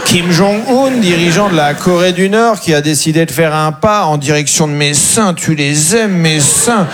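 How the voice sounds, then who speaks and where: A man performing a stand-up bit in a mock-sultry, breathy way. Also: fairly high pitch, normal speed, crowd noise. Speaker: comedian. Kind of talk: stand-up comedy sketch.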